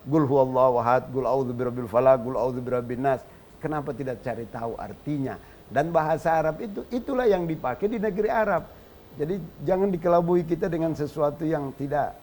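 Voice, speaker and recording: A man's voice: a little high, darkish tone, slight background noise. A man from Indonesia, a religious scholar teaching on a TV talk show, explaining points and reciting Arabic verses in a chanting cadence.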